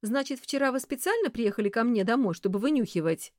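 Woman reading as a sharp-tongued young office woman. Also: on the high side, expressive, quick pace, dry recording, clean studio sound, pitched above the performer's own voice, close to an everyday voice. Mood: scornful. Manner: defiant, scornful.

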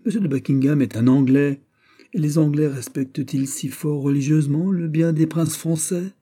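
A man's voice: medium pitch, normal speed, dark tone, pitched above the performer's own voice, natural voice. A man voicing a jealous, indignant young French prince in an audiobook, heated and insistent. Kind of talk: audiobook character voice.

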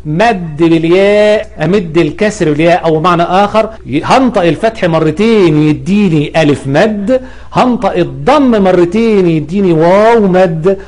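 High-voiced Egyptian Arabic teacher. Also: male voice, moderate pace, a little mellow. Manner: explanatory, drawing out sounds to demonstrate pronunciation; corrective, emphatic about common mistakes. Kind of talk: audio grammar lesson.

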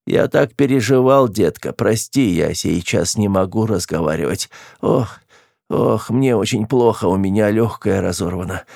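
Guy doing a whiny sly spaceman faking sick, slow and lowish, dry. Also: a little mellow, no room sound, natural voice. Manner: whiny, put-upon and sly. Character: sly, lazy male spaceman who plays ill.

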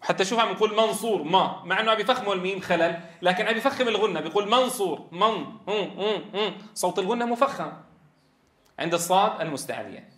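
A male Quran recitation teacher with a high, animated, fairly bright voice lectures a class in a room with a board. He asks his students questions and stretches sounds out slowly to demonstrate them. The room is echoey, with slight background noise.

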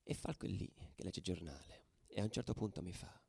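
In a radio play monologue, an actor voices an angry, combative male football ultra recounting street battles, telling it colloquially and dramatically as tense recollection. His low, creaky voice has a breathy edge and is fast, expressive, and fully in character, lurching from hushed tones to shouting.

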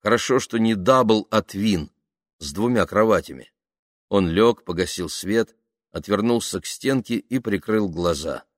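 A man reading an audiobook aloud in measured, even scripted narration. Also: on the low side, no echo, clean studio sound.

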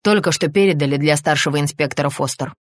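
A woman's voice: sits low, fast, dry recording, close to an everyday voice. A woman doing a terse young policeman.

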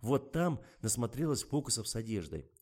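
A man voicing a calm, resourceful young woman in an audiobook, speaking in a matter-of-fact way. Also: medium pitch, moderate pace, pitched above the performer's own voice. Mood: composed. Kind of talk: audiobook character voice.

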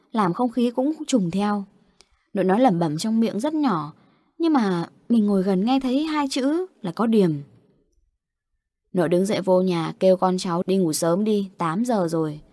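A woman narrating an audio story in a steady storytelling voice. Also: mid-range voice, no echo, clean studio sound.

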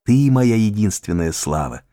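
An earnest, emotional young man in love, as a male audiobook narrator reads him, low-pitched and mellow, heartfelt, his pitch moving widely. Dry, close sound. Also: very animated, a little slow, dry recording. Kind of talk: audiobook character reading.

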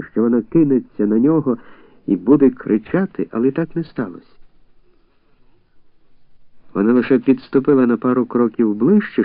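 A man giving measured literary audiobook narration. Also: medium pitch, no room sound. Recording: tinny dry phone-like audio.

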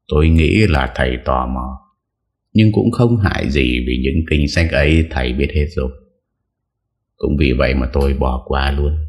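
A grave old temple master speaks in slow, measured explanation, as a man reading a storybook puts him on. The voice sits extremely low and stays calm throughout.

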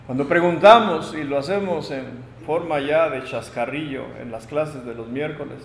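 A high-pitched man preaching in an emphatic sermon style. He swings from loud proclamations to quiet asides. His voice carries a long, echoing reverb from the church hall. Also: normal speed.

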